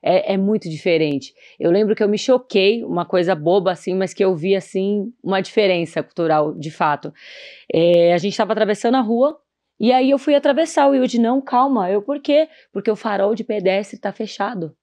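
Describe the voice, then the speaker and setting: A woman, a podcast guest chatting casually in a soft-spoken, thoughtful way. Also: medium pitch, a little fast. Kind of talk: casual chat.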